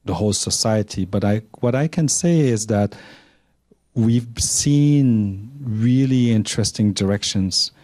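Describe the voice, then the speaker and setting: A man in his forties, born in Cambodia and raised in Canada, giving measured opening remarks on a panel with many fillers and restarts into a handheld microphone in a lecture room. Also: fairly low pitch, dark tone, no room sound. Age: 40s. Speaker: panel speaker.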